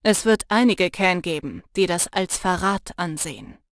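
A woman performs the character voice of a protective, intense young male shapeshifter for an audiobook, sounding animated at a moderate pace. He comes across low, earnest and urging, gentler when teasing, and the studio-quality recording is dry.

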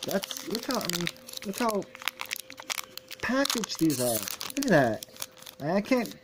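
A man's voice: high-pitched, sing-song, slow pace, noisy background. A man filming himself opening trading card packs in a casual vlog, agitated and indignant, stumbling and repeating himself.

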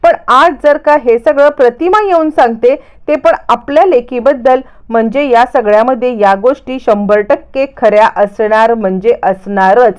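A woman casually retelling a TV serial's plot, narrating lively and slipping into the voices of the characters. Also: fairly high pitch, smooth, highs cut off. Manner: lively storytelling with quick shifts into voices. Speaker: storyteller.

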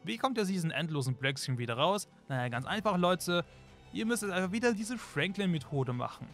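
A man's voice: sits high, big pitch swings, brisk, fairly bright tone. A young man narrating a game tutorial in a chatty way, constantly addressing his viewers. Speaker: gaming YouTuber. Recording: faint music behind.

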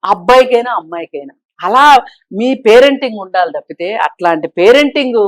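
A woman speaks as a talk-show guest, pressing her argument and firing off rhetorical questions. Her voice sits at an average pitch. It is recorded dry and close, with almost no room sound. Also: lively intonation, brisk, no echo. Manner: emphatic, argues with rhetorical questions. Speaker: social commentator guest. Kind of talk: opinionated talk-show discussion.

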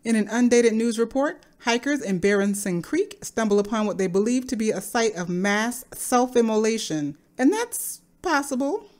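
A woman giving a scripted, explanatory narration in a measured, speculative manner. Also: fairly high pitch, expressive, a little mellow. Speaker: video creator narrating a game theory.

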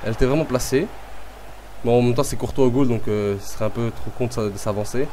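Fighting a cold, a man rattles off fast commentary on a football video game match he's playing, yelling at players and the referee in a casual, excitable way. His voice is mid-range, with slight background noise.

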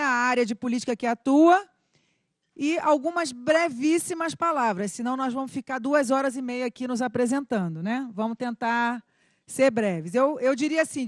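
A woman's voice: high-pitched, dry recording, clean studio sound. A woman moderating a meeting, giving informal instructions and hurrying people along through a handheld microphone.

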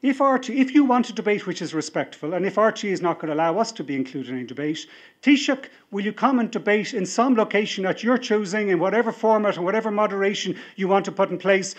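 A man's voice: sits high, animated, fast talker. Rousing Irish man at a podium. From Ireland. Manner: rousing speech-making, building to emphatic appeals. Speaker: party leader. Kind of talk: political convention speech. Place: large hall with a seated audience, indoors. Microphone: podium microphone.

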